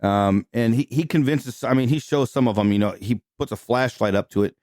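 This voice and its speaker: A man's voice: mid-range voice, fairly quick, a little mellow, no echo, studio quality. A man hosting a podcast, casually retelling a film's plot with lots of filler words. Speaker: podcast host. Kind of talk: casual movie recap chat.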